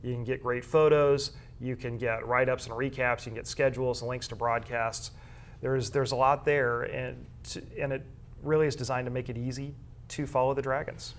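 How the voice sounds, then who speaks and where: Explaining school sports media work in a chatty way, the guest, who coordinates high school athletics media and broadcasts games, keeps restating what he means. His voice is medium in pitch with fairly even intonation, and he speaks at a normal speed.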